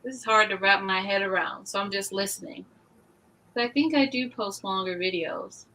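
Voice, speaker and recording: A woman's voice: mid-range voice, moderate pace, sharp tone, rough recording. A woman booktuber chatting wryly on a live stream panel over a video call, blunt but hesitant as she thinks. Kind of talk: casual chat on a live stream.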